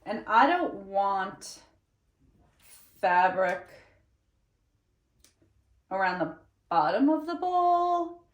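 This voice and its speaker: A woman's voice: medium pitch, sing-song, very slow, pauses often, reverberant, muffled recording. A woman sewing at home, thinking aloud in a casual, unsure way and trailing off. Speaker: sewing vlogger. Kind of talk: casual muttering while sewing.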